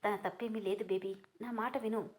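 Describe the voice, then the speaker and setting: A woman voicing an apologetic older father in a storybook reading, gently soothing his daughter. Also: mid-range voice, fairly even intonation, moderate pace, lightly acted.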